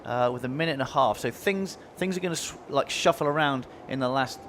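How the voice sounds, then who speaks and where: A man's voice: mid-range voice, fairly quick, a bit bright, slight background noise. A man giving conversational live surfing analysis in a laid-back, informal way. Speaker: surfing colour commentator.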